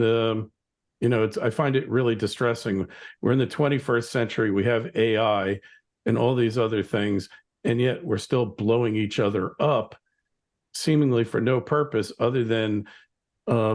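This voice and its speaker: A man's voice: on the low side, fairly even intonation, moderate pace, a little mellow. A middle-aged American man hosting an interview podcast, chatting in a rambling, opinionated way. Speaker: podcast host. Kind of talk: conversational interview.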